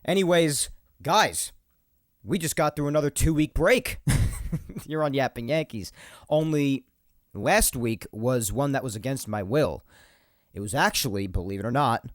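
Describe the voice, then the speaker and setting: A young man from New York talks through his solo podcast at medium pitch, a little slowly and with frequent pauses. The podcast-mic recording is dry and studio quality. He's somewhat nasal and congested with a cold, and he wanders, repeats himself, and laughs between ideas in this casual monologue.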